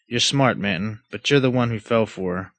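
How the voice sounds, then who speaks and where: A man reads as a heavyset gang boss in a hardboiled storybook, all oily courtesy over a threat. The voice sits a little low and stays close to the reader's own. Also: moderate pace, a bit bright, close to an everyday voice. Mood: smug. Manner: oily, mock-polite threats. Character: smug fat male gang boss, menacing.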